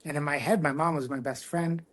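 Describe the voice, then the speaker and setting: A middle-aged man speaks candidly as a podcast guest, his voice sitting a little high for a man. He sounds reflective and earnest, and he often stops and restarts a phrase as he works through a personal story. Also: fairly even intonation, a little fast, a bit bright. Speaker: guest, tattoo artist.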